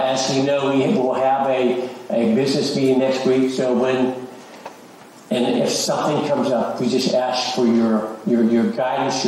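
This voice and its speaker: An unhurried, halting middle-aged or older man, serving as lay leader and search committee chair, makes a church announcement and offers a short devotional to the congregation, often repeating words. His voice is mid-range with a darkish tone. The sound is distant and noisy, recorded with a faraway microphone in a large, echoing indoor sanctuary.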